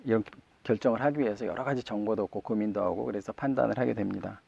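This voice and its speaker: A man's voice: on the low side, fast, vocal fry, dark tone, husky. A man, a Won Buddhist minister, giving a conversational sermon and asking his listeners questions. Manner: conversational, asks the congregation questions. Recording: muffled dry recording.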